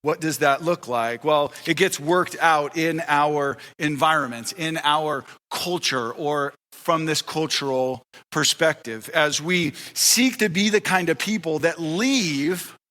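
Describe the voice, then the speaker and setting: High bright-voiced preaching man. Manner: animated, acts out dialogue in quick voices. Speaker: pastor. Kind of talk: sermon. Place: church sanctuary. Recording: long reverb of a church hall.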